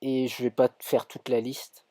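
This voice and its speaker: French man, live coding lesson, unhurried, mellow tone, dry close sound, keyboard clicks. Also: medium pitch, flat delivery, no room sound. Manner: thinks aloud with many fillers and self-corrections. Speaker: coding instructor streaming.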